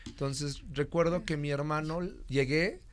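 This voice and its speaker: A man's voice: on the high side, fairly even intonation, unhurried. A middle-aged man who teaches secondary school, chatting casually with plenty of fillers. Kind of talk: casual conversational talk.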